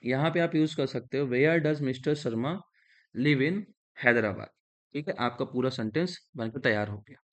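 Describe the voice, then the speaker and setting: This man, speaking at a medium pitch with an Indian accent, teaches an English grammar lesson in Hindi. He dictates sentences slowly and explains every step.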